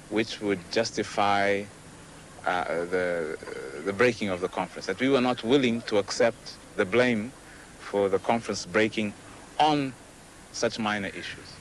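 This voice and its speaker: Diplomat, man, low voice, hesitant, faint hiss. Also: low-quality recording. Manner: deliberate, hesitant. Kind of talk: interview recollection.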